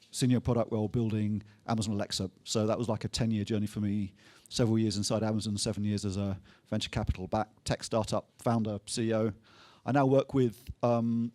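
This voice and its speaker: Entrepreneur panelist: a man with a low, monotone voice and a dry, close sound. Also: no echo. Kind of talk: panel self-introduction.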